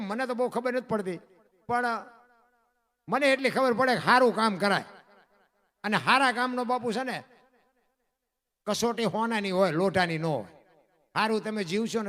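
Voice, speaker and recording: A man telling a devotional folk story, swinging his voice up and down from line to line. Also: high-pitched. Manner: animated, rises and falls sharply between lines. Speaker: dayro storyteller.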